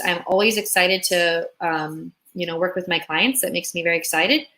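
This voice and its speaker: A woman's voice: lowish voice, bright, forceful tone. A young woman, born in Russia, chatting upbeat with viewers on a live stream as a relocation consultant. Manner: upbeat, chatty, reads viewer comments aloud.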